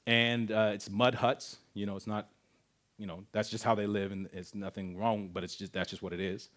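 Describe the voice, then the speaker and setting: A man from Canada, speaking at a camp and telling a personal story in an animated way, acting out voices and sound effects. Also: fairly low pitch, moderate pace. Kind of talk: storytelling testimony talk.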